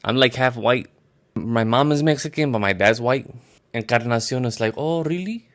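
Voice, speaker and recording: Guy rambling through a story, deadpan and cussing, mid pitch. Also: moderate pace. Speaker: comedic storyteller. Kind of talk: casual comedic retelling.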